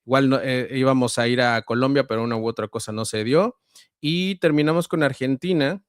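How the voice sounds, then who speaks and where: A man with a central Mexican accent, a voice-over artist and guest, explaining at a measured pace with frequent hesitations. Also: mid-range voice, clean tone, no room sound, studio quality. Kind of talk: conversational interview answers.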